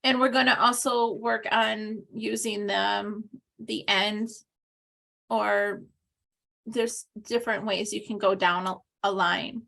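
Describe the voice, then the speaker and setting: A woman's voice: mid-range voice, fairly even intonation, takes it slowly, creaky, pushed and bright. A woman teaching an online class, explaining step by step with frequent ums and restarts over a video call. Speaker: instructor. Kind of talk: recorded online class walkthrough.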